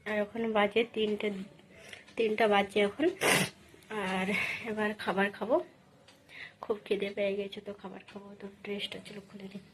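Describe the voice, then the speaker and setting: A woman vlogging casually to her viewers, her voice hoarse from a cold. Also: medium pitch. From Bengal. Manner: chatty, talks to viewers as friends. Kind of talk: casual vlog narration. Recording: noisy background.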